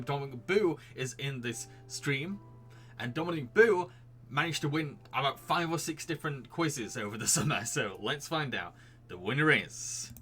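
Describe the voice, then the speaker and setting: With a slightly high, fairly bright voice, this British quiz host on a live stream giggles and chats his way through replies to viewers. His accent mixes Yorkshire with a posh Received Pronunciation sound.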